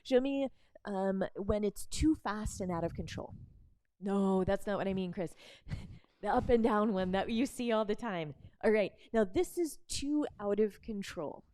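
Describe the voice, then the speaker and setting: A woman instructor explaining barre moves and cueing a demonstrator, encouraging and quick to laugh. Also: mid-range voice, dark tone, dry recording.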